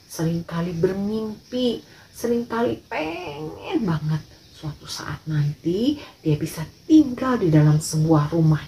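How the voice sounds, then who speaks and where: A woman storyteller leading a children's Sunday school lesson, her voice swooping high and low with plenty of expression. She takes her time, drawing out each line slowly for young listeners. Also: mellow, a little hiss or hum, low-quality recording.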